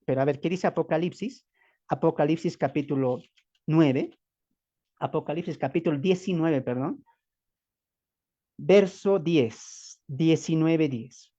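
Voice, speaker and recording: A man's voice: on the high side, a little slow, long pauses, mellow, dull audio. A man from Bolivia teaching from the Bible as a preacher, emphatic and full of rhetorical questions, calling listeners beloved brothers.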